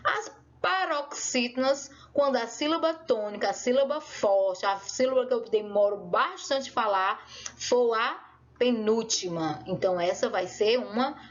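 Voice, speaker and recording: A woman's voice: fairly high pitch, unhurried. A woman teacher giving a remote lesson, explaining patiently and drawing out her words with lots of diminutives. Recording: dull lo-fi recording.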